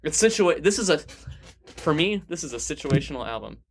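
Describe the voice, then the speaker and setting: A man's voice: on the high side, very animated, brisk, creaky. A man co-hosting a podcast, chatting easily about music, swearing casually and calling his friend "dude.". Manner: easygoing, swears casually, says "dude" often. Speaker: podcast co-host. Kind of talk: casual music review chat.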